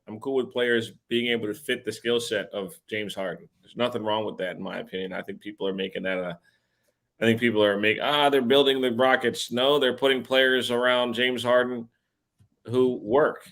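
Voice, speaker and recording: Guy co-hosting, mid pitch, gets worked up and curses a lot, casual chat. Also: moderate pace. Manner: animated ranting, heavy swearing. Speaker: podcast co-host.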